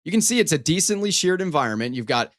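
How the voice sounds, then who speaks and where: A man's voice: on the high side, sing-song, fast talker, a bit bright. A man hosting a live storm coverage stream, giving running weather commentary in an emphatic, repetitive way. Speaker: storm coverage livestream host.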